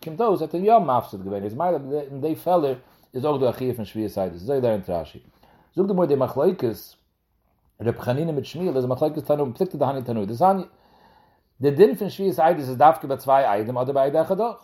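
A man's voice: mid-range voice, lively intonation, a little fast, warm tone. A man giving a Talmud lesson, explaining each step and speaking directly to the listener. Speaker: Talmud teacher.

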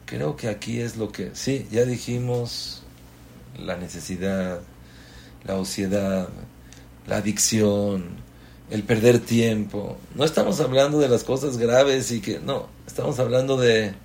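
A man's voice: lowish voice, unhurried, gravelly, a little mellow, a little hiss or hum. A man, a rabbi giving a Torah class as a sermon, impassioned and asking strings of rhetorical questions.

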